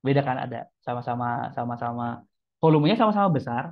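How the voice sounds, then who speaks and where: A man's voice: medium pitch, expressive, rapid-fire. A man who works as a speaking trainer gives casual, chatty tips. He speaks straight to his listeners and acts out examples as he goes. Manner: chatty, addresses listeners as friends, demonstrates examples. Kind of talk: casual teaching talk. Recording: tinny phone-like sound.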